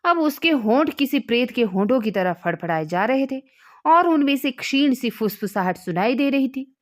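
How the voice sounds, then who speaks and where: A woman narrating a literary story in a measured, even way. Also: high-pitched.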